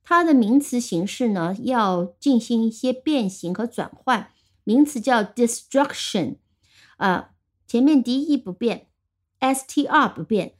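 A woman gives a podcast lesson on English vocabulary, with a slightly high voice. She explains in Chinese, then reads the English examples slowly and spells words out letter by letter. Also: a little mellow. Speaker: English teacher.

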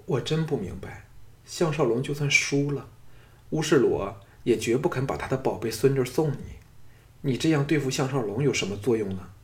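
A man voicing a young noblewoman who talks softly, sighing and pleading. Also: on the low side, normal speed, lightly acted. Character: sensual noblewoman, young adult, yielding.

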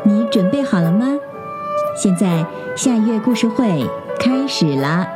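A woman's voice: mid-range voice, lively intonation, unhurried, over loud music. Sing-song woman telling a bedtime story. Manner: gentle, sing-song, addresses children. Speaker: children's storyteller, host.

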